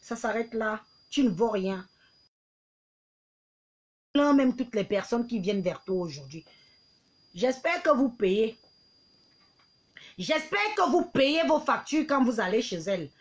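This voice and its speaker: A woman's voice: fairly high pitch, big pitch swings, unhurried, pauses often. A woman, taunting and mocking her critics in a heated live-stream rant, often laughing. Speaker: livestreamer.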